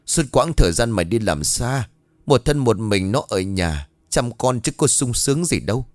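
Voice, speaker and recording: A man voicing a calm older mother who gently scolds her son. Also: medium pitch, moderate pace, no echo, clean studio sound, lightly acted. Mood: reproving.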